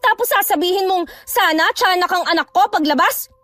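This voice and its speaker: An actress playing a furious, sharp-tongued pregnant young wife who hurls threats in a horror audio drama. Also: female voice, moderate pace, dry recording. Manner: shouting threats, shrill. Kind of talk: Filipino radio-style horror drama acting.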